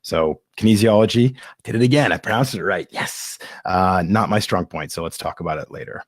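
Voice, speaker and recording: A podcast host with a low voice answers live audience questions a little fast, candid and self-deprecating as he rambles. He coughs and hiccups at times. It's a casual live stream, dry and studio-clean.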